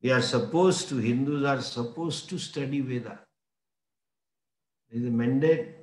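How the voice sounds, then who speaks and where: A man with an Indian English accent teaching a scripture class, explaining slowly and often chuckling. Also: medium pitch, reverberant. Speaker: spiritual teacher.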